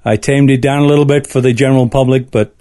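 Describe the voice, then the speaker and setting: A middle-aged man from the north of England talks casually as a podcast guest, with a Northern English accent. His voice is relaxed and mellow, his manner wry and self-deprecating, and the recording is dry. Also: medium pitch, fast talker, no room sound. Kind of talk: casual chat.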